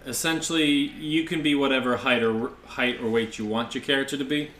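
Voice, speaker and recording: A man's voice: medium pitch, fairly even intonation, a little fast, a bit bright. A man co-hosting a podcast in casual chat, chiming in with brief, joking remarks. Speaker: podcast co-host. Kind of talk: casual chat about a tabletop game. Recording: echoey room with faint noise.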